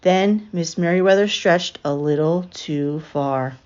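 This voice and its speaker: A woman reading a picture book aloud as an expressive storyteller for children. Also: on the low side, unhurried, smooth. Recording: slightly dull, lo-fi sound.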